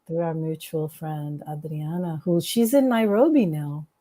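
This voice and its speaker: A woman's voice: deep voice, a little slow, dark tone, a little hiss or hum. A woman hosting a casual video call chat with musicians, friendly and curious. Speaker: host, musician.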